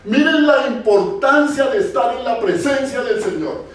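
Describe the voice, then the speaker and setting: A man's voice: extremely high pitch, animated, moderate pace. A male pastor preaching a sermon, putting questions to the congregation and repeating key phrases for emphasis. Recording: echoey church from far off.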